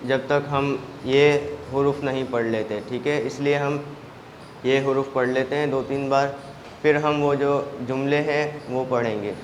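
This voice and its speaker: A man from Pakistan teaching a children's language lesson, sounding out letters slowly and praising the class after each one. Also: mid-range voice, a little hiss or hum. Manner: slow, drawn-out letter sounds with steady praise. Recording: echoey room, faint ambience.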